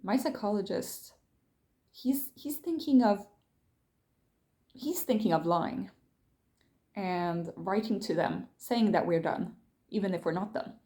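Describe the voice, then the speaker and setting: A woman's voice: mid-range voice, takes it slowly, long pauses, dark tone. Agitated woman retelling a story. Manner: agitated, emotional retelling with many restarts. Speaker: vlogger. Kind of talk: casual vlog storytelling.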